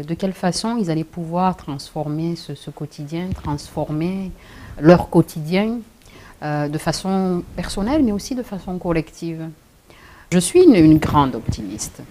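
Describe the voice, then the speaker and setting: A middle-aged woman with a French accent, telling her own story in an interview, hesitant with many restarts and quick laughs. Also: low voice, animated, dark tone. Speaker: interview guest.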